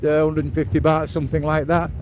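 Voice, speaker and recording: An English man chats through a casual motovlog in a relaxed, mellow voice. He is matter-of-fact, adding little tour-guide asides as he rides outdoors. Faint traffic and engine noise sits behind him. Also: on the high side, fast. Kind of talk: casual vlog commentary. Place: outdoors, riding a scooter along a beach road.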